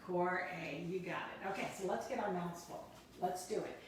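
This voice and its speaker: A woman's voice: lowish voice, moderate pace, far from the mic, slight background noise. Encouraging woman host, echoey room. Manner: upbeat, encouraging, asks leading questions. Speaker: dietitian host of a kids cooking class. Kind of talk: friendly cooking class chat.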